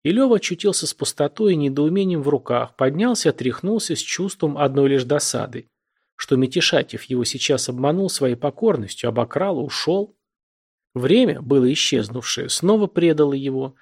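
A man narrating a literary novel aloud in a measured, expressive reading. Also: a little high, slightly rough. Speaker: audiobook narrator.

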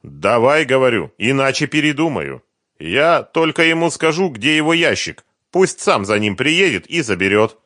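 A man's voice: medium pitch, very animated, moderate pace, a bit bright, no room sound, clean studio sound, voice pushed up. A man voicing a stubborn, worn-out hunted man in an audiobook, clipped and insistent. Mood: defiant.

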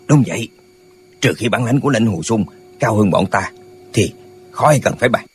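A man voicing a boastful, slow-witted old martial artist in an audiobook, cocky in tone. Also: fairly low pitch, lively intonation, background noise, natural voice. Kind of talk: audiobook character voice.

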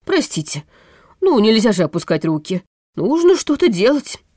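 A woman's voice: a little high, big pitch swings, moderate pace, a little mellow, no echo, studio quality, pitched above the performer's own voice. A woman reading a storybook audiobook, voicing a proud, determined royal mother who speaks in an earnest, firm way.

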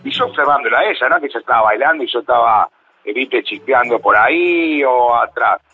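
A husky-voiced man with an Argentine accent, a radio caller telling a personal story in a roundabout, conversational way. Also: medium pitch, animated, a little fast. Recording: dull phone-in line, faint music.

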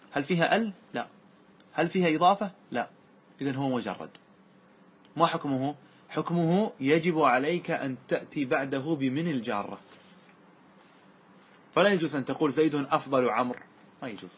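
A man teaching classical grammar to a class, asking questions and answering them himself, and reciting verse lines slowly. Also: fairly high pitch, slight background noise.

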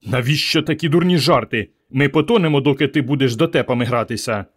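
A man's voice: mid-range voice, fast, breathy edge, close to an everyday voice. A man voicing a gloomy, grumbling young man in a storybook reading. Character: grumpy, fussy young man.

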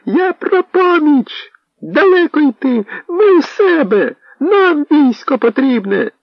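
A man's voice: high voice, expressive, takes it slowly, no echo, voice pushed up. A man voicing an aging town mayor pleading with an angry crowd in a radio audiobook reading, his voice strained and drawn out. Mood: desperate. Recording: dull lo-fi radio recording.

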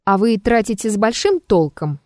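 A woman's voice: on the high side, animated, moderate pace, a little mellow, no echo, studio quality, close to an everyday voice. A woman voicing an insolent, mocking male blackmailer in an audiobook, talking rudely and with a sneer. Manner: sneering and rude.

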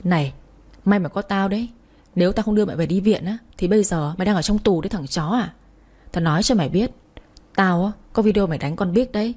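A woman's voice: medium pitch, fast, warm tone, close to an everyday voice. A woman voicing a coarse, blunt neighbor woman who scolds hard. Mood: angry. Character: foul-mouthed tough older woman neighbor.

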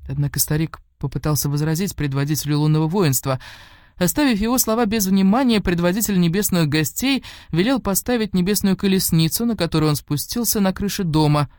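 A woman narrating a fairy tale for an audiobook, measured and expressive in her delivery. The recording is dry and close, with no room sound. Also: on the low side, no echo.

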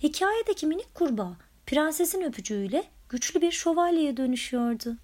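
Storybook reader, female, slightly high voice, expressive and lively. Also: quick pace. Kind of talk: expressive children's story reading.

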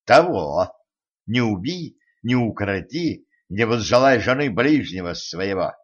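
A man's voice: fairly low pitch, expressive, measured pace, lo-fi sound. A man voicing a wry young male fighter who lectures his drunk friend in a dry, matter-of-fact way. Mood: lecturing.

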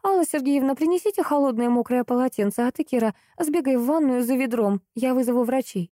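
A woman narrator voicing a capable young woman who gives brisk orders in an emergency. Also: sits high, mellow, dry recording, clean studio sound, voice pushed up, natural voice. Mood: brisk, commanding.

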